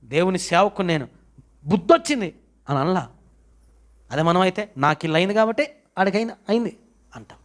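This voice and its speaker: A man's voice: high voice, sing-song, fairly quick, pauses often. A man preaching a sermon in a dramatic manner, asking rhetorical questions and acting out the voices of Bible figures. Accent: Telugu. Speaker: pastor. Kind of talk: Telugu sermon.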